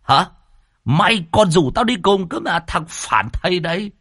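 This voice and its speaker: A man voicing a hot-tempered old martial master who yells curses and threats. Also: high voice, very animated, measured pace, slightly rough, dry recording, studio quality, voice pushed up, heavily acted. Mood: furious shouting.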